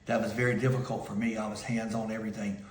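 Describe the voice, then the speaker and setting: A man's voice: fairly low pitch, level tone, fast talker, roomy sound. A painting company owner giving a plain, matter-of-fact video testimonial about a lesson from his mentor.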